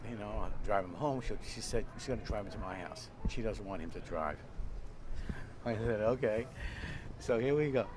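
A man's voice: fairly low pitch, creaky. An older man hosting a cooking video at an outdoor grill, rambling through a long anecdote with frequent chuckles and repeated words. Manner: chatty, laughs often, repeats words. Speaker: cooking show host. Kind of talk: rambling storytelling while cooking. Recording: noisy outdoor recording with traffic. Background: outdoor ambience, passing traffic.

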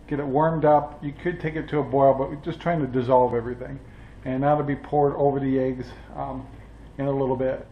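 An older man hosting a casual home cooking demonstration, speaking in an easygoing, halting way with chuckles, recorded in a home kitchen on a camera mic. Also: mid-range voice, a little hiss or hum. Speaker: cooking channel host. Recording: roomy, slightly dull home audio.

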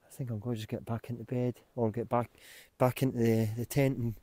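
A man, talking casually to camera from inside a small tent at night, relaxed and rambling with lots of ums. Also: mid-range voice, brisk, no room sound. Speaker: hiking vlogger. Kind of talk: casual vlog talk to camera. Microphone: camera held close while lying down.

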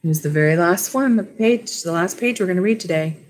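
Reading a storybook and chatting casually with children, a school library teacher in her thirties speaks briskly in a lowish voice. There's slight background noise, and she's recorded in a small wood-panelled room at home on a webcam or laptop mic held at arm's length.

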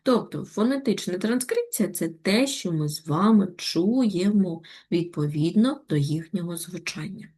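A woman teacher giving a patient, step-by-step online lesson to young schoolchildren, with gentle reminders. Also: lowish voice, lively intonation, moderate pace, hardly any pauses, husky. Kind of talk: online Ukrainian lesson for children.

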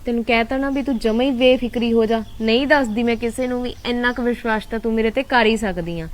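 Casting: actress as a young, high-pitched, chiding but caring sister-in-law in a village family drama. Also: female voice, quick pace, natural voice. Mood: reassuring. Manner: lively, chiding, affectionate. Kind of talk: Punjabi web drama acting.

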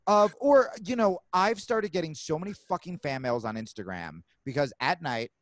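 Male podcast host, animated casual talker, swears a lot. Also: a little high, dry recording. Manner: animated, swearing, quick asides. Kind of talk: casual chat.

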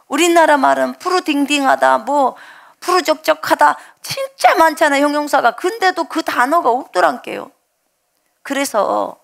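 Her voice high and gravelly, a woman pastor from Korea's Jeolla region delivers a sermon with real earnestness, sharing her personal faith. When she prays, she speaks aloud as if to someone standing next to her.

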